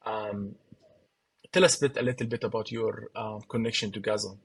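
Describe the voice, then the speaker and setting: Husky-voiced hesitant podcast host. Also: male voice, on the low side, little pitch movement, moderate pace, rough recording. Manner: hesitant, many fillers. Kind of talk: podcast introduction.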